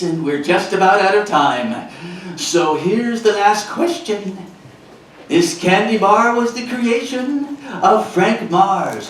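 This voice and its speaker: A man's voice: sits high, fairly bright tone. A man playing a wry, teasing, theatrical host of a scripted spooky comedy trivia show. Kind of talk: scripted comic quiz hosting. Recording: echoey hall, far mic, faint noise.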